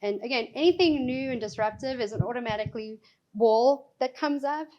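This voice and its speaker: A woman's voice: fairly high pitch, fairly quick, lo-fi sound. A woman, a regional sales director, chatting as a guest in an interview, emphatic and enthusiastic. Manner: emphatic, enthusiastic, laughs easily. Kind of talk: casual interview chat.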